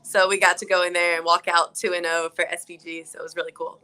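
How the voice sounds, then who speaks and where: A woman's voice: on the low side, little pitch movement, fast talker, bright, forceful tone. A young woman from South Carolina, a fighter, chatting upbeat and casual as an interview guest over a video call.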